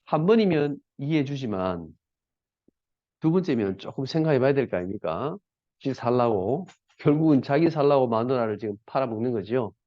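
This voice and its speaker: A man's voice: mid-range voice, lively intonation, normal speed, dry recording. A male pastor preaching a sermon in a conversational, colloquial way, often asking the congregation rhetorical questions. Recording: dull lo-fi, dry.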